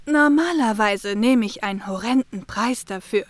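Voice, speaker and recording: A woman's voice: a little high, close to an everyday voice. A woman voicing a smug, elderly, know-it-all fortune-teller in a fan radio play. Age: older. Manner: self-satisfied, slow and deliberate. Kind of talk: amateur radio play acting.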